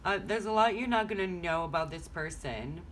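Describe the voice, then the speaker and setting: Brisk and lively, a French-native woman rambles through a casual tarot vlog from her home, thinking aloud as she reads. Her voice is on the low side with a fairly bright tone, and some slight noise sits in the background.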